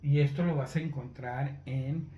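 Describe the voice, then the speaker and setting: A man teaching from the Bible, unhurried, often checking in with his listeners and spelling words out letter by letter. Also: medium pitch, fairly even intonation, lo-fi sound. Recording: roomy echo, faint background noise.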